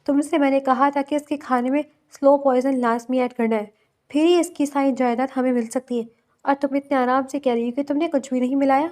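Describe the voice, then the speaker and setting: A woman's voice: sits high, fairly even intonation, a little mellow, close to an everyday voice. A woman reading the lines of a greedy young male villain in an angry, threatening tone.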